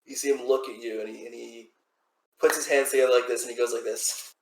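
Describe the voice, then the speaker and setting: A man's voice: medium pitch, steady tone, fast talker, gravelly, echoey room, a little hiss or hum, low-quality recording. A man narrating as game master of a tabletop game, rambling loosely with many restarts.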